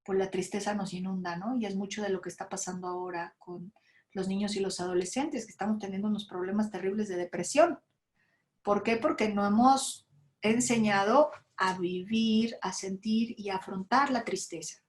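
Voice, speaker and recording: A woman with a Mexican accent lectures parents at a school talk on handling emotions. Her voice sits at an ordinary middle pitch. She keeps checking in with little tag questions and slips into quoted lines from parents and kids. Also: fairly even intonation, normal speed.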